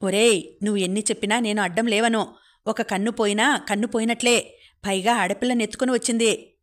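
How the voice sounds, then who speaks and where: A woman's voice: mid-range voice, fairly even intonation, fairly quick, lightly acted. A woman narrator voicing a stubborn, harsh older father in an audiobook. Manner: harsh, complaining.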